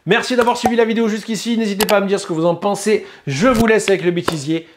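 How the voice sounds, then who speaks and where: Casual French male reviewer, slightly high voice, hesitant and filler-heavy delivery. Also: quick pace, background noise. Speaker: YouTube 3D printing reviewer. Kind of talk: casual product review talk.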